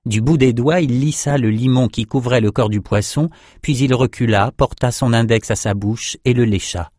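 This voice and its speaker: A man narrating an audiobook in a measured, steady reading style. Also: medium pitch, dry recording, studio quality. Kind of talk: scripted narration.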